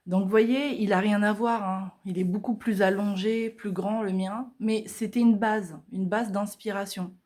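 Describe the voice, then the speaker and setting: A woman's voice: medium pitch, steady tone, measured pace, hardly any pauses, a little mellow. A woman vlogger talking casually through her art journal pages at home, chatty and hesitant, with many fillers.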